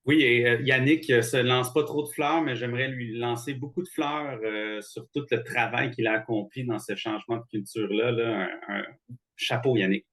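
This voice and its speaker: A man's voice: medium pitch, steady tone, normal speed, fairly bright tone. A man with a Quebec French accent making casual conversational remarks as a podcast guest.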